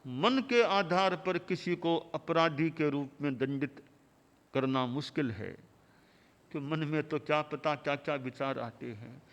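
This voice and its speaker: A man delivering a sermon as a spiritual teacher, in measured, rhythmic lists of short phrases. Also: fairly high pitch, fairly bright tone, lo-fi sound. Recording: long hall reverb.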